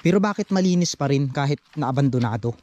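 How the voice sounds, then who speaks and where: A man vlogging as he explores an abandoned forest site outdoors, talking in tense, hushed phrases. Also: medium pitch, expressive, fast talker, lo-fi sound. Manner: tense, wary, talks in short hushed phrases. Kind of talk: hushed exploration vlog narration.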